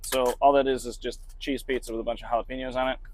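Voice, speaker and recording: A man's voice: medium pitch, flat delivery, fast talker, darkish tone, slight background noise. A truck driver talking casually to his camera while he works, in a laid-back, chatty way with casual swearing. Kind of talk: casual vlog narration.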